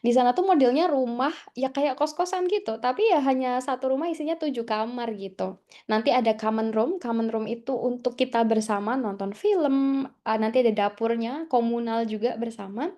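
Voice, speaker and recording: A woman's voice: fairly high pitch, normal speed, warm tone. A young adult woman from Indonesia, chatting as a guest speaker at an English class, with many fillers and English words mixed in. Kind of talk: storytelling talk to students.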